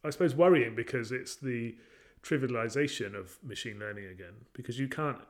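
A man's voice: mid-range voice, fairly quick. Chatty man, thoughtful questions. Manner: thoughtful, questioning, many fillers and restarts. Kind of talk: casual chat.

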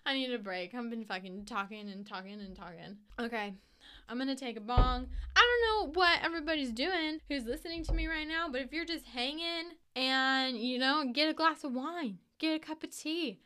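A young American woman with a bright, smooth voice on the higher side. She talks casually and emphatically, like a solo host telling stories. She swears freely as she chats. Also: normal speed. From United States. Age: young adult. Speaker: podcast host.

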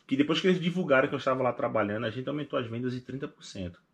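Young Pernambuco-accented man, casual podcast guest, animated storyteller voicing quotes, mid pitch. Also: racing, creaky. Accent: Pernambuco Portuguese. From Recife, northeast Brazil. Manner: animated, acts out past conversations in quoted voices.

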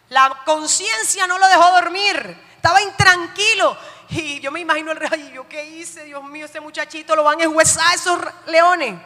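A woman's voice: very high-pitched, sharp tone. A woman preacher giving an emphatic sermon in a church hall, often putting questions to her listeners. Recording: long hall reverb.

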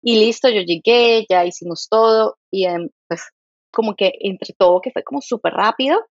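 A Colombian woman with a mixed Santander and Bogotá accent, a guest telling a lively story and quoting herself as she goes. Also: medium pitch, moderate pace, no echo, muffled recording. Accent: Colombian, mix of Santander and Bogotá. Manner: animated, quotes herself, laughs often. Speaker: podcast guest, company founder. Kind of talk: casual interview storytelling.

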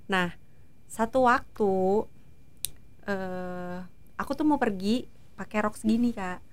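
A woman in her thirties, a guest in a casual interview, telling stories in a lively way and acting out what others said. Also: mid-range voice, slow. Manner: lively storytelling, acting out quoted voices.

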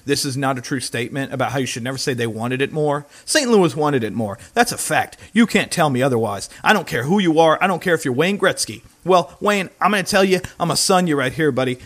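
Brief: male sports-talk host, slightly higher voice, hockey show banter, emphatic and opinionated.

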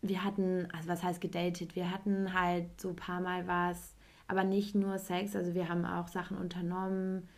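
A woman's voice: on the low side, flat delivery, moderate pace, a little mellow. A woman in her twenties, a podcast host, telling a personal story in casual chat and acting out what others said. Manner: rambling storytelling, acts out others with 'und ich so'.

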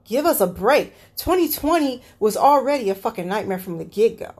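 This Cleveland-area woman hosts her own solo podcast, ranting bluntly and exasperatedly about politics and swearing plenty. She speaks fairly quickly in a slightly high, animated, somewhat mellow voice.

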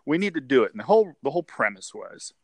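A man's voice: mid-range voice, sing-song, fast, slightly rough, no echo. A man of forty talks through a story on a casual interview show, looping back and repeating words as he goes, laughing now and then. His voice sits in a middle range and the sound is close and dry, with no room around it. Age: 40s. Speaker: guest.

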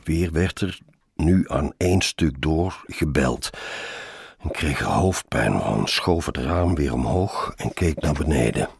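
A man reads a first-person story aloud, wry and sardonic. His voice is extremely low and gravelly, with a strongly husky, breathy grain. The sound is dry and close. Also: expressive, slow pace, no room sound.

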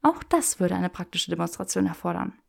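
A woman's voice: on the low side, lively intonation, brisk, gravelly, heavily acted. A woman voicing a playful, bold young witch who teases and often whispers. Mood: teasing.

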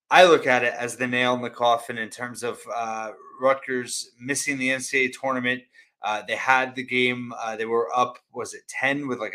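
Guy previewing a game solo, sharp bright voice, reels off stats, kinda halting. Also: mid-range voice. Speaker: sports podcast host.

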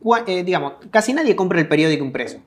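Fast and expressive, with a high-pitched voice, a thirty-something man from Argentina appears as a guest digital marketing expert. He explains things in a relaxed way and keeps checking in with the audience.

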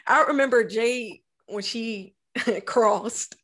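A woman's voice: on the high side, slow pace, a bit bright. A reserved woman talking casually about herself, in a somewhat hesitant way. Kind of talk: casual conversation.

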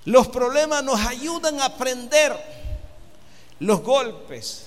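A male preacher with a high-pitched voice delivers a fervent sermon. He swells to loud exhortations and leads the congregation in call and response. The sound rings with long reverb from a large hall. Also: big pitch swings, slow pace.

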